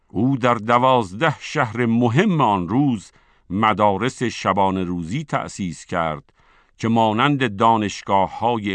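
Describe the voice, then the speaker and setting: A man giving scripted narration, reading in a measured, formal way, letting each phrase fall at its end. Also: fairly low pitch, no echo.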